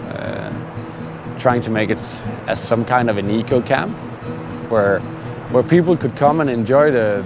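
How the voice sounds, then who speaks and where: A middle-aged man from Denmark, a fishing guide, talking candidly and relaxed in a documentary interview with frequent "uh"s and restarts. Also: medium pitch. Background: music.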